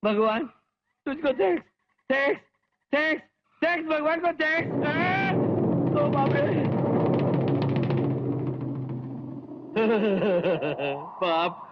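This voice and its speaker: A man's voice: extremely high pitch, slow, pauses often, heavy background noise. A man dubbing a blustering, cowardly, lecherous comic villain in a film. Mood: pleading. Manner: boastful, then whining and pleading. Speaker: dubbing actor. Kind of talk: Hindi film dub. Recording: dull film soundtrack with music.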